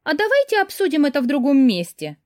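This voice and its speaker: Woman doing an airy, high-pitched scheming friend. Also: huge pitch swings, fast talker, a little mellow, dry recording, studio quality. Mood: irritated. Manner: airy, high and sing-song.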